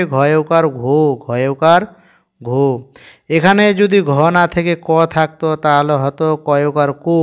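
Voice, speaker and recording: A man teaching a reading lesson, spelling out words slowly and patiently, asking quick questions and answering them himself. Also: a little high, clear, resonant tone. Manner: patient, slow and repetitive, with quiz-like questions to the viewer.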